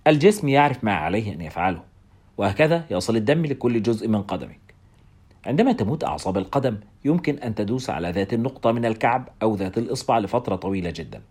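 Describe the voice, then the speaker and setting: Guy reading a novel out loud, wry, low voice, talks fast. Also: breathy edge. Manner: wry, expressive first-person narration. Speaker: narrator.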